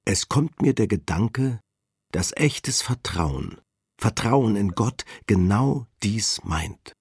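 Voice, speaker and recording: A man giving a calm, measured reading of a spiritual text. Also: fairly low pitch, husky, no echo, clean studio sound. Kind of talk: slow devotional reading.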